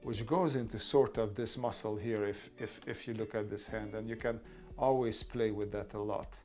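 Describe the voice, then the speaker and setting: A man with a lowish voice and a steady tone hosts a casual art livestream at a moderate pace, faint music playing in the background. He answers chat as an artist streamer and talks viewers through his drawing steps.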